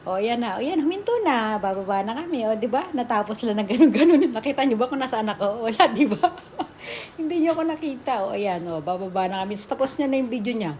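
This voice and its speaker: Middle-aged woman, Filipino accent, casual vlog voice-over, slightly high voice, light background hiss. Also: expressive, fast, few pauses, a little mellow. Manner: chatty, laughing, repeats "o, di ba". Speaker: vlogger. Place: quiet room at night.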